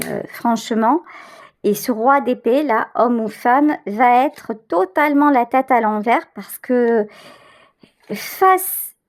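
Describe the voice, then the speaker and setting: Speaking straight to the listener, a woman who hosts a channel gives a tarot reading in a conversational, emphatic way, repeating words for stress. Her voice sits on the high side with a darkish tone.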